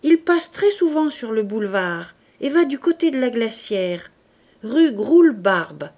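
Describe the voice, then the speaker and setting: A woman's voice: fairly high pitch, big pitch swings, a little slow, a little mellow. A woman reading the lines of a poor, timid old gardener in a storybook reading, hesitant and wondering. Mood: eager.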